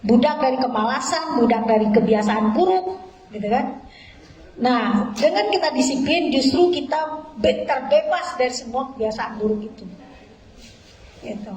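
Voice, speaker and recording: A woman with a high voice talks through points from a book, animated and chatty. The sound is roomy and echoey, the way an audience hall makes it. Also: moderate pace. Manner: animated, repeats "luar biasa", laughs at points. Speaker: guest speaker at a book discussion. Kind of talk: conversational talk to an audience.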